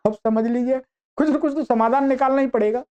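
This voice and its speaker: A woman teaching Sanskrit grammar in an online lecture. She reads Sanskrit lines slowly and then explains them in Hindi. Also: sits high, fairly even intonation, warm tone, clean tone, highs cut off.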